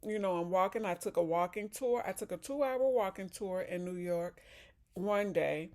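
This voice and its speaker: A woman's voice: medium pitch, normal speed, darkish tone. A woman from Chicago chatting casually in a vlog, talking while eating and sipping a drink. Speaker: vlogger. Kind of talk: casual chat.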